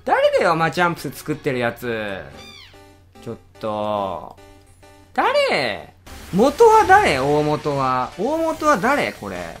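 A man commenting live on a game he is playing, his voice swinging widely in pitch as he exclaims and grumbles at what he sees. Faint music plays behind him. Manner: excitable, exclaiming reactions and rapid grumbling. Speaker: game channel host.

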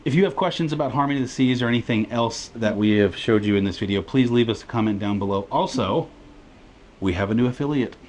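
A medium-pitched man with a darkish tone talks quickly while co-hosting a travel vlog, giving a relaxed, chatty tour of a cruise ship inside and out on the decks. He laughs between remarks, and the recording carries a little hiss or hum.

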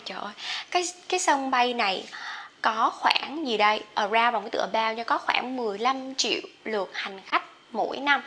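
Bright-voiced Southern Vietnamese woman teacher. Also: fairly high pitch. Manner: chatty explanations, slow deliberate English examples. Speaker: English teacher. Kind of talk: pronunciation lesson.

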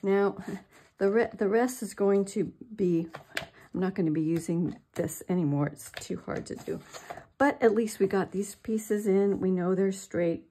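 With a warm, medium-pitched voice, an older woman leads a chatty, step-by-step craft demonstration from her work table as a tutorial host. She's slow, talkative and pokes fun at herself. There's slight background noise.

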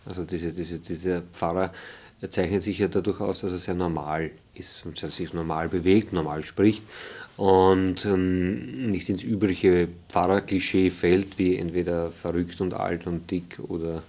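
A man's voice: low-pitched, steady tone, measured pace, a little mellow. A middle-aged man talking in a behind-the-scenes interview, thoughtful and hesitant, with many fillers. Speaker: actor in an interview. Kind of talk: making-of interview. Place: dressing room with mirror lights.

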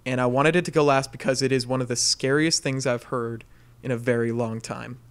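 A man co-hosting a casual comedy podcast, reading out a listener's dream as an animated storyteller who laughs often. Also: mid-range voice, fairly quick, smooth.

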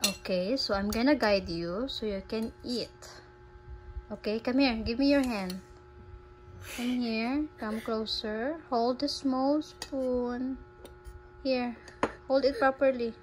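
Woman, slow coaxing mother, fairly high voice, soft music behind. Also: fairly even intonation, slight background noise, rough recording. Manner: slow, coaxing, patient instructions. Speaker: mother guiding her child's lesson. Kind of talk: homeschool lesson with her child.

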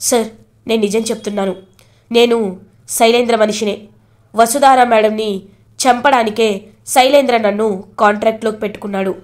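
An earnest, pleading young man who was once a hired thug speaks in a fairly high, soft voice, as a woman reads him out. His tone stays steady and sincere. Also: moderate pace, pauses often, lightly acted.

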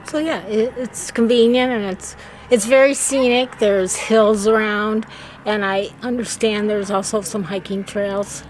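A woman's voice: medium pitch, fairly even intonation, measured pace, slight background noise, low-quality recording. A middle-aged woman chatting agreeably outdoors on a travel vlog, filmed with a camera at arm's length. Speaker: travel vlogger. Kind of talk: casual travel vlog chat. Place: outdoors by a desert campground. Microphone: camera held at arm's length.

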